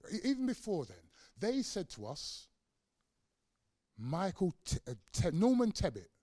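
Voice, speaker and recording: Animated middle-aged man lecturing. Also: measured pace, no echo, studio quality. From England. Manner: animated, acts out quoted voices in a raised pitch; conversational, with casual fillers. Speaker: guest lecturer. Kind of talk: storytelling lecture.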